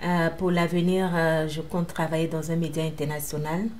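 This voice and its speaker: A woman in her thirties from Benin speaks earnestly about her plans. Her voice is notably low and evenly pitched, with hesitant pauses. A faint ambient hum runs underneath. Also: flat delivery, a little mellow. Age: 30s. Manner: earnest, measured, hesitant fillers. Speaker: master's student. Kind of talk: interview self-introduction.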